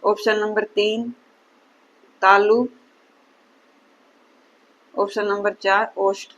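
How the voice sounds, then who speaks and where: A woman's voice: mid-range voice, little pitch movement, very slow, rough recording. A woman teaching Sanskrit grammar for an exam, often asking her own questions and answering them. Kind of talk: exam-prep lesson.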